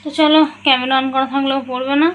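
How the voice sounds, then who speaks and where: High-voiced female vlogger, casual chat at home, faint noise behind. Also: little pitch movement, fast talker, phone-quality sound. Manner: chatty, addresses viewers as friends. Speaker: lifestyle vlogger. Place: home at night.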